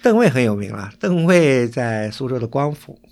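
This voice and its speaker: A man's voice: medium pitch, sing-song, moderate pace, a little mellow. A man from Suzhou, co-hosting a casual chat and explaining place names and local history in detail. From Suzhou, China. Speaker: co-host.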